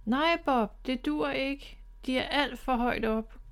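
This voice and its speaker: A lively young girl rabbit from a children's storybook, high and bright, shouting with alarm, put on by a woman. She calls out clearly and quickly. The woman reading lifts her pitch for her.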